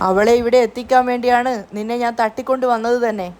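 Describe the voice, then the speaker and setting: Woman reading a nasty threatening kidnapper guy, harsh, voice a bit high. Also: fairly even intonation, fast, a little mellow, lightly acted. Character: menacing man kidnapping a young girl.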